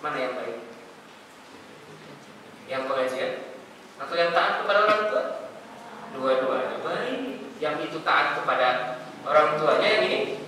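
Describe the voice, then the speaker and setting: A man preaching and answering questions in a mosque, talking in a conversational, animated way. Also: on the high side, unhurried, long pauses. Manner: conversational, animated, mixes in local words. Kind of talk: sermon with Q&A. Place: mosque hall. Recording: echoey hall from far off, faint noise.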